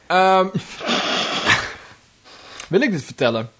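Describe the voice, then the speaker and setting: A young man chatting casually as a podcast co-host. His voice sits a little higher than most men's, and he talks in a hesitant, self-deprecating way, breaking into laughs between his sentences. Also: sing-song, drawn-out words, a bit bright, a little hiss or hum. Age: young adult. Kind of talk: casual chat.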